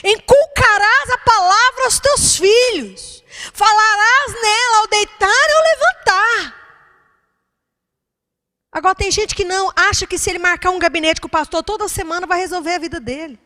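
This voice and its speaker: A woman's voice: very high voice, normal speed, sharp tone. A woman pastor, preaching a fervent sermon and calling out to the congregation.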